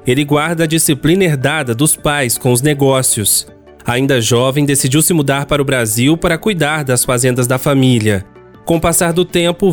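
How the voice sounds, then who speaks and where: A man with a Brazilian accent reading scripted news narration as a radio reporter. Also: mid-range voice.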